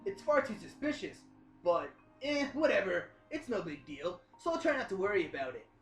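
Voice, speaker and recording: A woman reading a visual novel aloud in a let's play, joking about the text and squeaking out sound effects. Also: very animated, moderate pace, reverberant, faint music behind. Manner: playful, jumps into high squeaky voices for sound effects. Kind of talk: reading game text aloud with jokey commentary.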